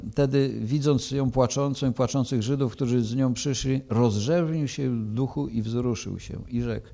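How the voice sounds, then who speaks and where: A man's voice: mid-range voice, gravelly, dark tone. A man preaching, reading a Bible passage aloud and then explaining it, with frequent hesitations.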